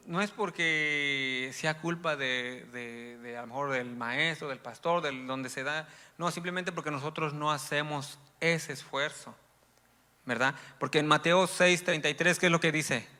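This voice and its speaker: A man preaching a sermon in a church hall, rambling with many tag questions and then rising to loud, emphatic passages. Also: fairly high pitch, unhurried. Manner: rambling, frequent "¿verdad?" asides, rises to loud emphatic reading. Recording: long hall reverb.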